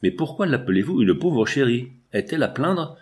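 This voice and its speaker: A man's voice: mid-range voice, big pitch swings, normal speed, a little mellow, natural voice. A man voicing a blunt, opinionated working man who speaks assertively.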